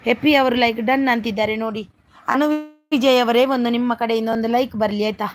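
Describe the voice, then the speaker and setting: A woman's voice: a little high, fairly even intonation, fairly quick. A woman hosting a casual live stream on her phone, reading out viewer comments, greeting each viewer by name and asking for likes. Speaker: livestream host.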